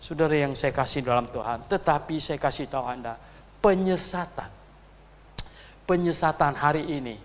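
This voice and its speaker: A middle-aged man preaching a sermon as pastor, chatting with asides and rhetorical questions, then rising to loud emphatic peaks. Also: moderate pace. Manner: swings from low murmurs to loud preaching peaks. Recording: long hall reverb.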